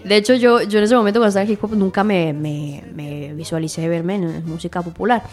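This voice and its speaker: Being interviewed on the radio, a young adult woman singer who grew up in Spain chats in a friendly way, full of fillers and tag questions. Her lowish, slightly mellow voice moves fast over soft background music.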